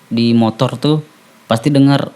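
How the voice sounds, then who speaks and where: Podcast guest: male rapper, halting, restarts a lot, everyday mid voice. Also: medium pitch, steady tone, dark tone, smooth. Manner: halting, searching for words, frequent restarts. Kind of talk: casual chat.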